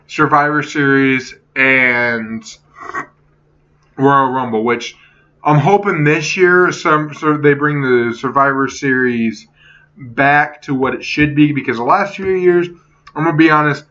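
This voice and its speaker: A man's voice: on the high side, bright, forceful tone, highs cut off. A man talking in a casual opinion vlog, rambling, swearing freely and correcting himself as he goes. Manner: rambling, profane, self-correcting. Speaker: wrestling and gaming vlogger.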